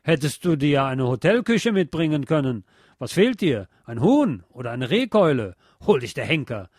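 Man putting on a furious, shouting soldier. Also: on the high side, a little fast, dry recording, studio quality, pitched above the performer's own voice, natural voice. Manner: shouting, harsh. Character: furious soldier berating a weak comrade.

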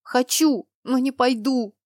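A woman's voice: medium pitch, lively intonation, moderate pace, darkish tone, dry recording, studio quality, lightly acted. A woman reading a storybook voicing a young werewolf woman who is pregnant, stubborn and tearful, with pleading and sulky outbursts. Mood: defiant.

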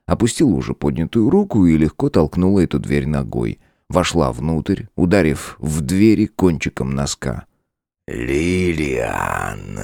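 A man narrating a fantasy audiobook in an expressive storytelling manner. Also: rumbling low, moderate pace, few pauses, no echo, clean studio sound. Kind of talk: scripted narration.

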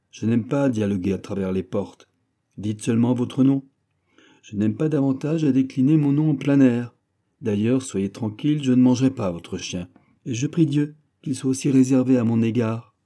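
A man's voice: medium pitch, dark tone, close to an everyday voice. A man voicing a bold, boastful musketeer in an audiobook, brash and impatient, swearing as he demands things.

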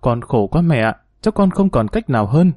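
A man's voice: medium pitch, sing-song, normal speed, darkish tone, no room sound, studio quality, faint music behind. A man voicing a desperate young daughter who pleads tearfully with her mother.

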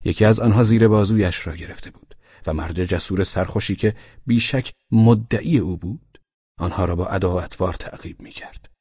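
A man narrating a novel as an audiobook in a steady, measured reading. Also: sits low, breathy edge, no room sound. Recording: dull lo-fi dry recording.

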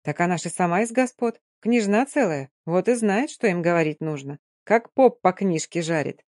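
A woman voicing a skinny, loud young Roma girl who shouts and laughs boastfully, in an audiobook. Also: fairly low pitch, expressive, moderate pace, no echo, clean studio sound, natural voice. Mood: mocking.

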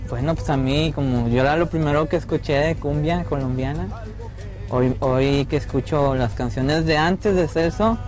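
A man's voice: on the high side, normal speed, music in the background. A man casually recalling memories in an interview.

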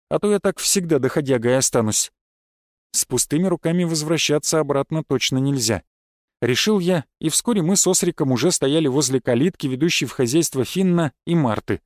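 A man reading a first-person fantasy audiobook in an even storytelling manner. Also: on the high side, dry recording, studio quality. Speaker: audiobook narrator.

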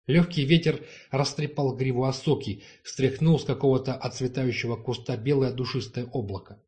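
A man narrating a fantasy novel in an even, measured reading. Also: medium pitch. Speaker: audiobook narrator. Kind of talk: scripted narration.

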